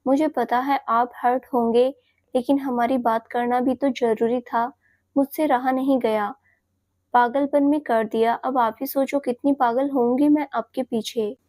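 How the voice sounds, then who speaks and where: A woman's voice: sits high, steady tone, a little slow, a little mellow, no echo. A woman voicing a playful, affectionate young woman in love, talking in a coaxing, teasing, sweet way. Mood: pleading.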